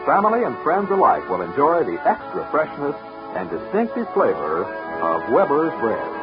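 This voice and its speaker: A man with an American accent reading scripted copy as an old-time radio announcer, formal and measured. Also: a little high, wildly swooping pitch, highs cut off. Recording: band-limited vintage radio broadcast, music behind.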